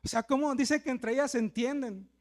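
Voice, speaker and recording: Male preacher, very high pitch, casual humorous sermon with lots of rhetorical questions. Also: a little fast. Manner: joking, chatty preaching with frequent rhetorical tags.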